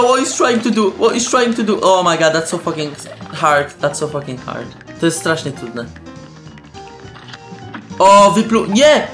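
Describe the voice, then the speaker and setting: Excitable young man, roomy echo. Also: fairly high pitch. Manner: excitable, shouting and laughing, mixes in English slang. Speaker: gameplay commentator. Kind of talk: casual let's-play commentary. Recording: roomy echo with faint game music.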